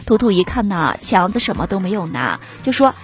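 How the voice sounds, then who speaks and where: A woman's voice: mid-range voice, very animated, a little fast, faint music behind. A woman playfully narrating a string of short jokes. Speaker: joke teller. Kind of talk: storytelling jokes.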